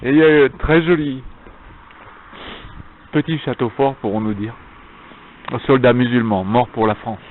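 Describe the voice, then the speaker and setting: A man's voice: medium pitch, steady tone, normal speed, pauses often, a little hiss or hum. Man declaiming in an echoing stone arcade. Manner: emphatic, declamatory, with repeated phrases. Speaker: vlogger filming himself on a visit. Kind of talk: improvised spoken monologue to viewers. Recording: echoing stone arcade, dull narrow sound.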